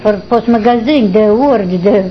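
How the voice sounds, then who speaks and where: An older woman, recalling her past in a rambling, halting way during an interview. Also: medium pitch. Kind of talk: oral history recollection. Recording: dull lo-fi recording.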